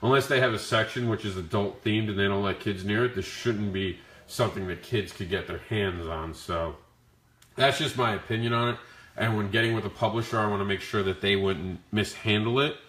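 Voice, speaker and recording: A man with a deep-leaning, growly voice roughened by flu hosts a casual Q&A stream. He talks informally to his viewers, and the sound is noticeably roomy and echoey. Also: fairly quick, fairly bright tone. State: sick with the flu. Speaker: comic creator hosting a Q&A. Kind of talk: casual livestream Q&A talk.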